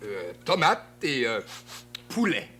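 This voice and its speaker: Brief: kindly bewildered kids' TV friend, lively swooping delivery, Québécois accent. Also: male voice, mid-range voice, slow, soft background music, full character voice. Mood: puzzled. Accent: Québécois French. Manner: expressive, exclaiming, many fillers. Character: friendly grown-up male playmate, easily puzzled. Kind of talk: children's TV acting.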